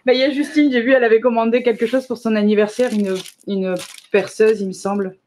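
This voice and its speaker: A woman running a live shop presentation, chatty and enthusiastic, often filling pauses with little interjections. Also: a little high, fairly even intonation, darkish tone. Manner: chatty, enthusiastic, fills pauses with "hop" and "euh". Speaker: shop owner presenting new products. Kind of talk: live product demonstration.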